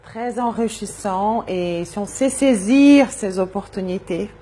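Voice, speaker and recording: A woman's voice: medium pitch, measured pace, dark tone, slight background noise. A woman from Brazil, a native Portuguese speaker, interviewed on radio as a Zumba and wellness coach, talking thoughtfully and repeating words as she searches for them.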